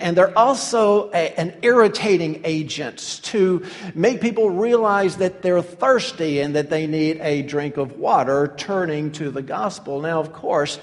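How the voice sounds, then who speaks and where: High-voiced preacher in a reverberant hall. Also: male voice. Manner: emphatic, teaching, with hesitant fillers. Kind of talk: sermon.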